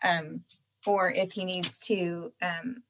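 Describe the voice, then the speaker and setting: She's an American singer-songwriter appearing on a podcast, speaking casually from one side of a swollen mouth and laughing along the way. Her lowish voice is steady, slow and a little bright. There's some hiss or hum, and the audio is poor overall.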